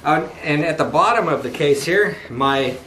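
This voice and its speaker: This chatty, enthusiastic toy car collector and dealer, a middle-aged man, talks at a normal speed in a slightly high, expressive voice that sounds pushed and bright. He's filming a casual unboxing vlog at home, dropping salesy asides. His living room echoes, and faint noise sits underneath.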